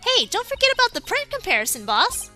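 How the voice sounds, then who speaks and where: A woman voicing an upbeat young female lawyer sidekick in a game dub, chirpy and excitable. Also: extremely high pitch, brisk, soft background music, exaggerated voice.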